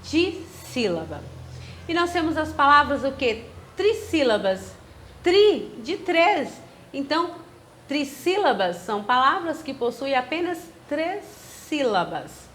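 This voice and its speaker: A woman's voice: sits high, big pitch swings, takes it slowly, a bit bright, a little hiss or hum. A woman with a Brazilian Portuguese accent teaching a grammar lesson, asking questions and answering them herself, spelling words out syllable by syllable.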